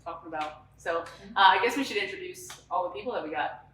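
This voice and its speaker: A woman's voice: fairly low pitch, lively intonation, fast talker, fairly bright tone, far from the mic. A woman in a casual roundtable, speaking hesitantly and searching for words. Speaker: roundtable participant. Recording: roomy sound from off-mic with faint noise.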